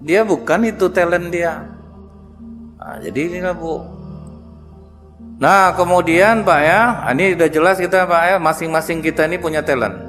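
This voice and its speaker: A man's voice: fairly high pitch, expressive, moderate pace, long pauses, fairly bright tone, faint music behind. A man preacher giving a humorous storytelling sermon who talks directly to his audience.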